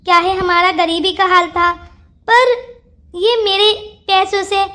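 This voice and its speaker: A performer voicing a warm, sensible young daughter-in-law who speaks sweetly and persuasively. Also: extremely high pitch, fairly even intonation, measured pace, heavily acted. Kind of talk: cartoon voice acting.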